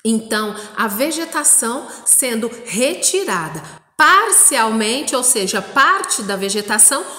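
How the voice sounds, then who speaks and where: Brazilian schoolteacher recording a kids' lesson; stretches syllables, keeps asking "não é?", echoey room with long reverb. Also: female voice, fairly high pitch, very animated, bright, forceful tone. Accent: Brazilian Portuguese. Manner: slow, drawn-out spelling of syllables with frequent "não é?" checks. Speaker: primary school teacher. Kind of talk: recorded lesson for young children.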